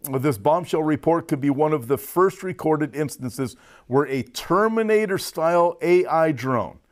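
Speaking at a measured pace in an expressive voice on the high side, an American pastor delivers a prophecy update to viewers online. His sermon is informal and folksy, with direct address and emphatic stresses, and he has a lozenge in his mouth as he recovers from a cough.

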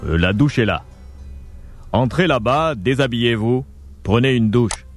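A man's voice: medium pitch, expressive, a little slow. A man playing a rich, pushy, boastful man in a radio drama who stammers and gives orders, with faint music behind. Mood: bossy. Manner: stammering, bossy, laughs at his own words.

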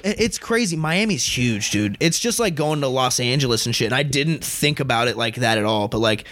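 A man's voice: mid-range voice, animated, fairly quick, a bit bright, no echo. A young man hosting a podcast in rambling, profane, laid-back casual chat. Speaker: podcast host.

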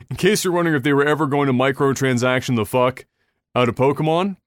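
A man's voice: mid-range voice, a little fast, no room sound, studio quality. A man hosting a casual gaming podcast, rambling through news with restarts and casual swearing. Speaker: podcast host.

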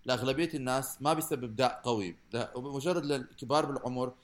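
A young man with a Levantine Arabic accent talks at a very rapid clip in a mid-range voice. He chats casually as a podcast co-host, tripping into restarts and repeating phrases as he goes. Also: medium pitch. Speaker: podcast co-host with microbiology training. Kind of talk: casual comedic podcast chat.

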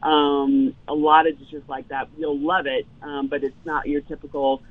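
A deep-voiced woman speaks at a moderate pace, telling stories with animation as a guest on a casual interview. She's a chef in her fifties from Louisiana in the US South, and she uses many ums. The tinny phone-line audio is dry, with no room sound.

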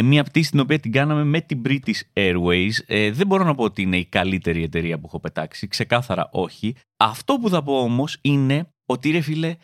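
A young adult man performs a stand-up style comedic monologue, telling stories and acting out the quoted voices with big jumps in pitch. His delivery is animated, and the recording is dry and studio quality.

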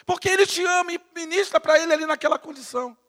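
A man with a Brazilian Portuguese accent preaching a sermon with fervor, swinging from loud to hushed and stammering as he builds his points. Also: extremely high pitch, fast, long reverb tail. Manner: stammers and repeats words while building to a point. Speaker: pastor.

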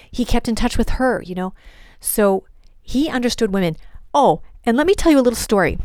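A woman, a religious sister, giving a lively podcast teaching talk, emphatic and quick to laugh, posing questions and answering them herself. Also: mid-range voice, no room sound, studio quality.

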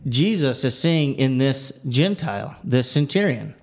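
A man's voice: medium pitch, sing-song, unhurried, darkish tone. An earnest man talking through a Bible passage with a co-host in an easy, conversational way. He restarts his sentences often and leans on "you know" as he works through his thoughts. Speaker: Bible study podcast co-host. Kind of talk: casual Bible discussion.

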